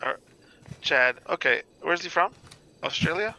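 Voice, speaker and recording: A man's voice: a little high, lively intonation, measured pace, gravelly, pushed and bright. A man streaming a game, chatting casually and teasing, laughing easily as he plays host. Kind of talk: casual voice chat, playful compering.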